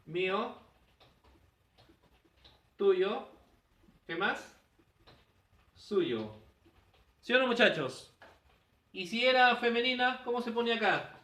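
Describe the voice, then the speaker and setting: A man's voice: sits high, lively intonation, slow pace, pauses often, bright, forceful tone. A male teacher giving a grammar lesson, firing questions at his students and answering them himself. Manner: quizzing students with rhetorical questions. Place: classroom. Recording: echoey room, voice from a distance.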